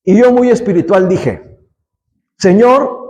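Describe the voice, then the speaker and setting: A man's voice: sits high, expressive, measured pace, mellow, rough recording. A man preaching a sermon, emphatic on key lines and chatty in his asides to the congregation. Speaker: pastor.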